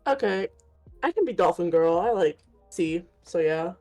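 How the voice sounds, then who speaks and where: A woman's voice: on the low side, lively intonation, normal speed, over music. A woman joining a stream chat, speaking in a hesitant, apologetic way. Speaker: guest in a reading collab. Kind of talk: casual chat.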